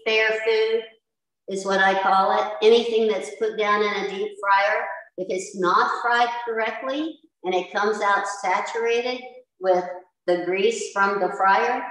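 An older American woman, a chef and cooking instructor, gives a chatty, emphatic community TV talk on healthy eating, repeating points for stress. Her mid-range voice is caught off-mic by a far camera with no visible mic, in an indoor community center room with posters and a roomy echo.

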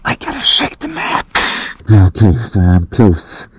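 Man muffled by a gas mask, slow-talking. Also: lowish voice, huge pitch swings. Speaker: vlogger. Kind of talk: casual outdoor adventure vlog talk to camera. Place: outdoors in a forest. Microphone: action camera at arm's length. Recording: muffled gas mask, noisy outdoor handheld camera.

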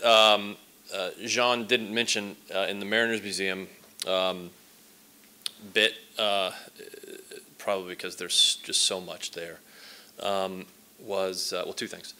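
At a symposium in a large lecture hall, a man in his forties talks conversationally with lots of fillers and false starts. He has a low, bright, forceful voice at a measured pace, captured by a stand mic some distance away.

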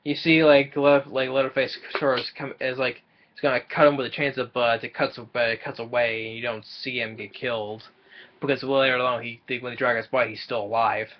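A man's voice: medium pitch, level tone, fairly quick, dull audio, a little hiss or hum. A young man casually recapping a film's plot from a small room, often stumbling and repeating words as he goes. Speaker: movie reviewer.

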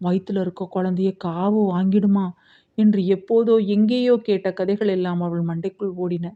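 A woman's voice: mid-range voice, narrow, tinny audio. A woman narrating a novel as an audiobook, telling the story expressively.

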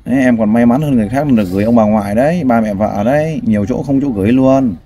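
A man hosts a casual, caring street interview with a family, speaking fast in a mid-range, mellow voice. He prompts them along sympathetically and sighs often.

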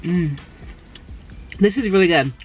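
A young woman from Canada reviewing fast food in a casual mukbang while she eats in a parked car, humming appreciatively between bites. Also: lowish voice, faint music behind. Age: young adult. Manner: chatty, eating between remarks, lots of appreciative hums. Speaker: food vlogger. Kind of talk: casual mukbang tasting chat. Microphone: camera on the dashboard.

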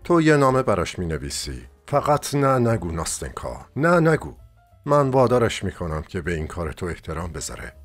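A man's voice: deep voice, very animated, faint music behind, heavily acted. A man voicing a lovesick young dreamer in an audiobook, urgent and impassioned. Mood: earnest.

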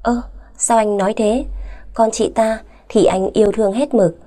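Woman reading a wronged young wife: heated, indignant, pitched up a little, mellow tone. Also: steady tone, moderate pace, natural voice. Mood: angry hurt.

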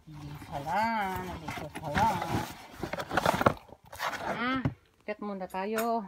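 A woman's voice: on the low side, animated, slow, heavy background noise. A woman gives a chatty, upbeat walking tour of the shop where she works, pointing out items to her viewers. She records it on a handheld phone inside the store and its stockroom. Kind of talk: casual walking vlog.

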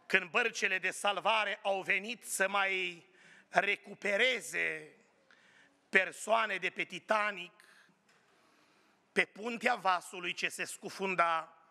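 A man delivers a fervent sermon in a high, sharply bright voice. His appeals climb higher as he goes, and he slows down to press his points home. Long church reverb trails after every phrase. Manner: fervent preaching, rising in pitch on appeals, slows for emphasis. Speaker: pastor. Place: church sanctuary.

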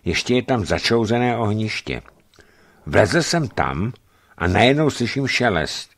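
Deep-voiced man reading a travel memoir. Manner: measured, expressive reading. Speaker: narrator.

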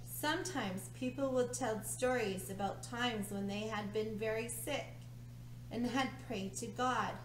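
A middle-aged woman leading a children's church lesson, reading a story slowly, clearly and soothingly. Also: on the high side. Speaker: children's ministry leader. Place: church room with a round table, indoors. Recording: echoey room, faint hum.

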